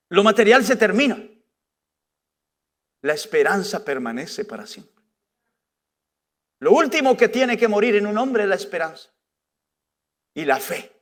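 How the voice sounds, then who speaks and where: A man's voice: high voice, fairly bright tone. A male pastor preaching a conversational sermon, full of rhetorical questions. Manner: rhetorical questions with frequent "¿verdad?".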